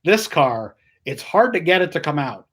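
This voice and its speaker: Man, live stream host, loose rambling chat, voice sits a touch high. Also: very animated, normal speed, a bit bright, breathy edge. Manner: chatty, rambling, reads out viewer comments.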